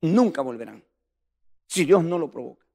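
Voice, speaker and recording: A man preaching with fervent emphasis, his voice high for a man and swinging widely up and down. There is a gravelly edge to it, and the long reverb of a large hall trails behind his words. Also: expressive, normal speed, a little mellow. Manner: fervent, emphatic, direct address to the congregation. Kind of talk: sermon.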